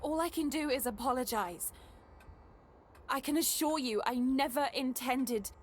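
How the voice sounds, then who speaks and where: A woman voicing a troubled teenage girl, defensive and pleading, with breathy delivery in a dramatic video game scene. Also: high-pitched, unhurried. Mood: subdued, apologetic.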